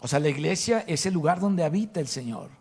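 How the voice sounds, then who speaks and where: A man's voice: a little high, lively intonation, fairly quick, gravelly, a little mellow, husky. A man with a Mexican Spanish accent preaching a sermon to his congregation, emphatic and asking rhetorical questions. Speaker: pastor. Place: church hall.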